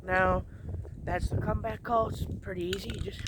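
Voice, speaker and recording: A man's voice: sits high, steady tone, brisk, a bit bright. A young man hosting a casual, informal how-to lesson, talking straight to his viewers. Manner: informal, addresses viewers as guys. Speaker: tutorial host. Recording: clearly noisy amateur recording.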